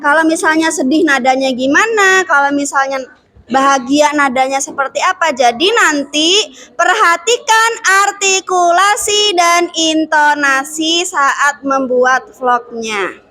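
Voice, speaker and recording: A woman's voice: sits high, unhurried. A woman teacher in a classroom, explaining steps to her students and teasing them with questions. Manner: lively, asks the class questions and teases. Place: school classroom.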